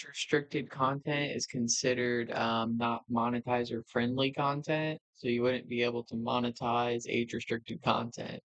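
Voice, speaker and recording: A man's voice: medium pitch, fairly even intonation, a little slow, hardly any pauses, a bit bright, no echo, highs cut off. Laid-back stoner guy, dry close sound. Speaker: co-host of a cannabis podcast. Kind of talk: casual chat.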